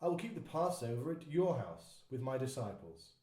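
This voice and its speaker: A man voicing Jesus as a solemn grown teacher in a dramatised Bible reading, speaking with grave, measured weight. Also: mid-range voice, big pitch swings, dark tone, close to an everyday voice. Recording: echoey room.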